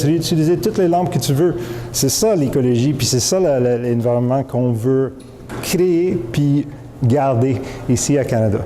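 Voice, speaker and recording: Quebec French man pitching in an echoey hall. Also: mellow, a little hiss or hum. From Montreal, Quebec. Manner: informal pitch with many fillers and restarts, mixing English terms. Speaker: company founder. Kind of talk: spoken product pitch. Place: event hall. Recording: echoey hall with faint ambience.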